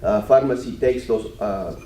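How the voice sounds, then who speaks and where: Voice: medium pitch, unhurried, mellow. An audience member asking a question hesitantly, with many ums. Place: meeting room. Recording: echoey room from far off, faint noise.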